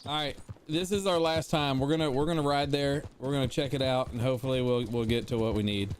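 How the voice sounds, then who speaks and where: A man in his forties chats casually with viewers while live-streaming a game, rambling and repeating himself. He talks fast in a medium-pitched voice with fairly even intonation.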